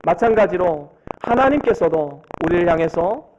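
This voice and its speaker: A man's voice: high-pitched, animated, moderate pace, darkish tone. A man in his thirties preaching a sermon as a pastor, earnest and storytelling, acting out quotes from his family. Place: church sanctuary. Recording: dull lo-fi sound with noticeable background noise.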